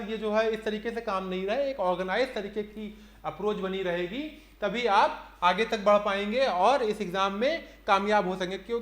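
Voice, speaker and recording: A man gives an online reasoning lesson. His voice sits high and he explains each step slowly and clearly. The recording has an echoey, roomy sound. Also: fairly bright tone. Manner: explains step by step, counting aloud, fillers like "theek hai". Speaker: reasoning teacher. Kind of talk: online exam-prep lecture.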